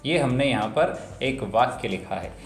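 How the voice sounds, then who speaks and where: Male teacher, patient explainer, mid pitch, echoey room recording. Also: lively intonation, gravelly. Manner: slow, explanatory, repeats phrases for emphasis. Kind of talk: grammar lesson. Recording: roomy echo with faint music.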